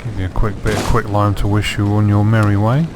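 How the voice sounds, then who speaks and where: Low-voiced man with a sore throat. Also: little pitch movement, a little fast, heavy background noise. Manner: dry, wry self-mocking asides. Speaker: gameplay commentator. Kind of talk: let's play commentary.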